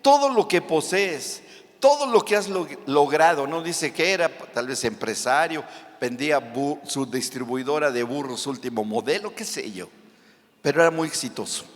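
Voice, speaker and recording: Animated preacher in an echoing hall. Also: male voice, a little high, moderate pace. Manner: animated, joking asides, dramatic Bible reading. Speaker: pastor. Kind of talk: sermon. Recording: long hall reverb.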